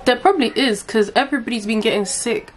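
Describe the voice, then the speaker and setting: A woman's voice: a little high, fast talker, noisy background. A young woman chatting frankly through a makeup haul, casual and swearing now and then. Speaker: beauty vlogger.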